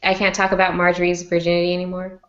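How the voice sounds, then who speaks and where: A woman co-hosting a casual live-stream chat, chatty and energetic. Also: lowish voice, fast talker, lo-fi sound. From Mexico. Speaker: co-host.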